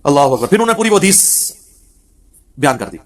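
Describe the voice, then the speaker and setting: A man giving a religious lecture on hadith, telling the stories vividly and acting out the quoted speech. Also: fairly high pitch. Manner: animated storyteller who acts out quoted speech. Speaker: Islamic preacher.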